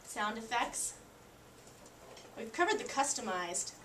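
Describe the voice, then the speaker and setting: An upbeat woman instructor leading a class, her voice sitting a bit high and encouraging. She's recorded from across an echoey classroom, with steady background noise under her. The sound is distant and roomy. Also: slow pace. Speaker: college instructor. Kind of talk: classroom teaching. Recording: echoey classroom, mic far off, noisy.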